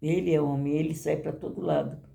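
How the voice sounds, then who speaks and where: Dark-voiced older woman giving church testimony. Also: sits low, steady tone, fairly quick, gravelly. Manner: conversational, addresses the congregation as brothers and keeps asking "you know?".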